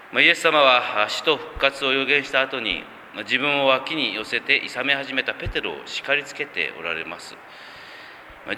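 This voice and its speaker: A man preaching a sermon and reading scripture in a very bright, clear voice at a middle pitch. He is measured and calm and pauses often on soft fillers. The long reverb of a church hall carries his voice, with faint traffic sounds outside. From Kumamoto, Japan. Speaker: pastor.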